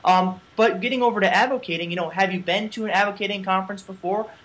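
A young man in his twenties hosting a video call interview, brisk and casual with fillers. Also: high-pitched, fairly bright tone, poor audio. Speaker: interview host. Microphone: webcam on video call.

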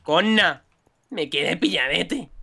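Excitable gravelly gamer guy. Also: fairly high pitch, slow pace. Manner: excitable, swearing, shrieks with joy. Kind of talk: casual gaming chat.

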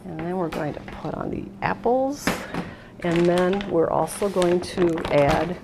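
This middle-aged American woman has a fairly low, unhurried voice with vocal fry. She hosts a casual cooking demo, explaining each step without rushing while working at a steel worktop in an indoor kitchen. Noisy kitchen sound and clattering dishes run through the clip.

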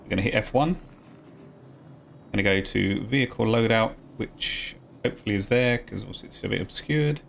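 Gravelly-voiced man explaining a game. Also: fairly low pitch, fairly quick, a little hiss or hum. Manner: relaxed, talks viewers through steps. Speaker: gaming guide creator. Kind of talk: casual game tutorial voice-over.

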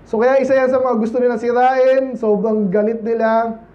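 High-voiced Filipino pastor preaching casually. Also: male voice, little pitch movement, moderate pace, highs cut off. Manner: conversational preaching, asks the congregation "Amen?" and "di ba?". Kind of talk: Baptist sermon. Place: church.

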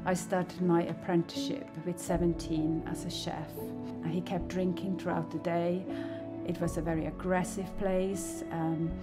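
Earnest Swiss-born woman, lower voice. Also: level tone, a little slow. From Switzerland. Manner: earnest, reflective, with soft hesitations. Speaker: church member sharing her testimony. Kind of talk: personal faith testimony. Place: small living room. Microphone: stand mic, camera at medium close-up. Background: soft background music.

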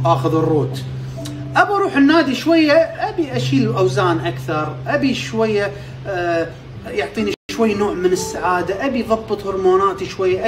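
Fast, lively Kuwaiti man explaining. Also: sits high. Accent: Kuwaiti Arabic. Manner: quizzes himself, repeats terms to drill them. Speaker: health tips host. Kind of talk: informal explainer.

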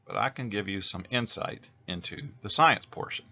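American man, low-pitched, forceful bright tone, plain-spoken teacher narration, slightly muffled recording. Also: moderate pace, vocal fry. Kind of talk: instructional video narration.

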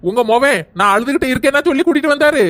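A woman's voice: high-pitched, racing, fairly bright tone. A woman with a Kanyakumari Tamil accent playing a young pregnant wife in labour who wails, groans and bickers sharply in a family comedy skit. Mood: sharp, whiny.

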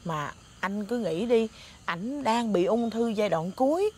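A woman's voice: mid-range voice, animated, measured pace, darkish tone, a little hiss or hum, natural voice. An actress playing a worried, insistent woman with a Southern Vietnamese accent in a comedy sketch, caring and stubborn. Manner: insistent, pleading.

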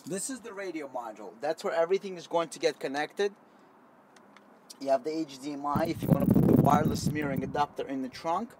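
A man giving a loose, conversational product demo inside a car, explaining as he goes, recorded on a camera mic. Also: medium pitch. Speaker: product demonstrator. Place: inside a car, partly outdoors in wind. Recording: faint wind noise on camera mic.

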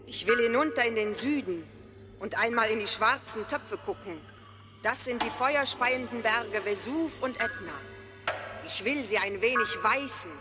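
A woman playing a cold, commanding queen of ice in a fairy-tale audio drama, measured and imperious. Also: a little high, close to an everyday voice. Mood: cool, imperious. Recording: music behind the voice.

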